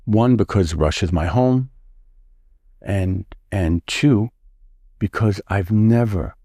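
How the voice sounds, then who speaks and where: Middle-aged guy from the us, lowish dark voice, stops and restarts a lot, dry close sound. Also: no room sound. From United States. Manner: halting, with many restarts and repeated words. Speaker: interview guest. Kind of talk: casual interview answers.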